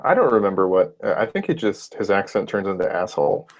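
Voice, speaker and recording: Low-voiced man joking at the game table. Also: sing-song, fast talker. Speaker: player. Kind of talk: casual chat during a tabletop game.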